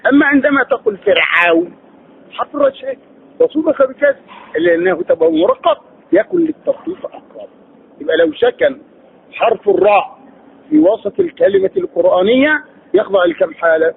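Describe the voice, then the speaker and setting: A man's voice: very high-pitched, sing-song, brisk, gravelly. A man teaching Quran recitation rules, asking his students questions, answering them himself and drilling syllables aloud. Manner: drills sounds by repeating syllables. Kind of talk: tajweed lesson. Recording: tinny lo-fi phone-like recording.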